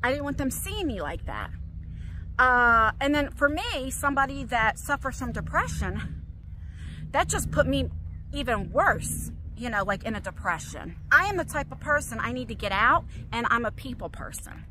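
A woman's voice: on the high side, big pitch swings, normal speed, noisy background. A middle-aged woman vlogging about her life in an emotional, rambling way, restarting her sentences and pacing as she talks. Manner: pacing while talking. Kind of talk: confessional personal vlog.

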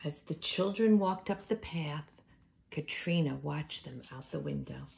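A middle-aged woman with a low voice and vocal fry shares a picture book with young children at home, reading it slowly and deliberately with plenty of expression. A slight hiss or hum sits in the background.

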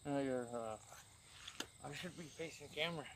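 A man's voice: medium pitch, unhurried. A worn-out man co-hosting with crude, sweary, rambling banter, recorded outdoors by a camera a few steps away. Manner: crude, constantly swearing, joking. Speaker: co-host of a dip review channel. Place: outdoors on a grassy hilltop. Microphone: camera mic a few steps away. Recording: outdoor camera audio, nature noise behind.

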